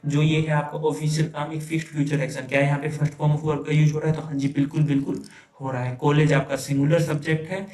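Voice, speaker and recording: A man's voice: a little high, darkish tone. A male teacher explains grammar in a classroom-style lesson. He repeats his phrases and keeps checking with "है ना". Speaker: English teacher. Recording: echoey room, voice from a distance.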